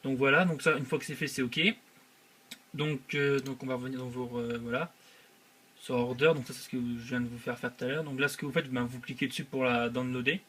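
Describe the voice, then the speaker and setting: A man's voice: medium pitch, level tone, brisk, a bit bright, a little hiss or hum. A young man hosting his channel, walking viewers through a website step by step with many hesitant filler sounds. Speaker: channel host. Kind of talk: screen-recorded software tutorial.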